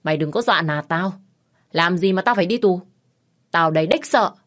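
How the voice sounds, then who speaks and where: A woman voicing a loud, quarrelsome woman over fifty who shouts and wails theatrically in an audio story. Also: fairly quick, close to an everyday voice. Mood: furious. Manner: shrill, wailing, theatrical ranting.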